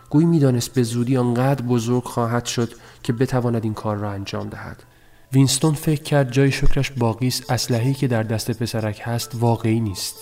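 In a measured, even tone suited to storytelling, a man at medium pitch reads a novel aloud as its audiobook narrator.

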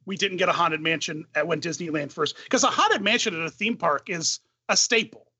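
A man's voice: a little high, fairly quick, bright, forceful tone, slightly rough. A man co-hosting a podcast in casual chat, sarcastic and joking. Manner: joking, sarcastic, does mock voices. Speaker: podcast co-host.

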